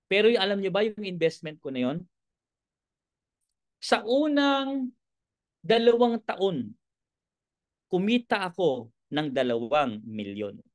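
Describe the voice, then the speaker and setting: A man's voice: high voice, slow pace, long pauses, no echo, clean studio sound. A man giving a motivational sales seminar, joking with the room and asking one rhetorical question after another. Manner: lively, joking, keeps asking "bakit?" and "di ba?"; jumps between loud lines and quiet asides. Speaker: business trainer.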